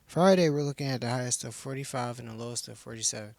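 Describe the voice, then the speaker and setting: A man's voice: mid-range voice, quick pace, vocal fry, darkish tone, a little hiss or hum. A teenage male student presenting a scripted weather forecast for a school show.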